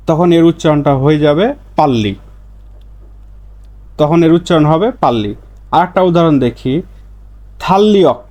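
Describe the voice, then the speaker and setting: A man teaching a language lesson, patiently repeating words slowly for learners. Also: fairly high pitch, darkish tone.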